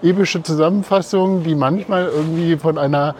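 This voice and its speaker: A man's voice: a little high, fairly even intonation, fairly quick, a little mellow. A man co-hosting a podcast, explaining things casually while walking outdoors. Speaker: podcast co-host. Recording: faint outdoor ambient noise. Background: faint outdoor ambience.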